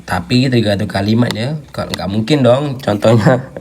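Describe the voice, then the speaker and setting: A man giving a casual spoken language lesson. He explains step by step, acts out example sentences, and fills his pauses with "ah". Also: medium pitch, a little mellow, slight background noise. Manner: chatty, with many filler "ah" sounds. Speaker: language teacher.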